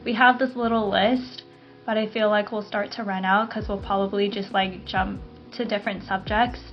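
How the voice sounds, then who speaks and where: A woman's voice: medium pitch, moderate pace, soft background music. Chatty woman podcast host, slightly dull sound. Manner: relaxed, chatty, many fillers. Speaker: podcast co-host, garden operations manager. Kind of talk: casual chat.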